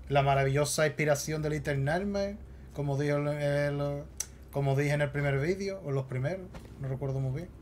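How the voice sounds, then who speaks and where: A man with a Spain Spanish accent giving jumpy, excitable let's play commentary while he plays. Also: on the high side, a little hiss or hum. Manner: jumpy, excitable, talks to himself. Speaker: gaming host.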